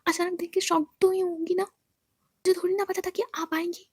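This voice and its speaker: A woman's voice: extremely high pitch, level tone, moderate pace, no echo, clean studio sound, voice pushed up. A woman voicing a flustered, jumpy young woman.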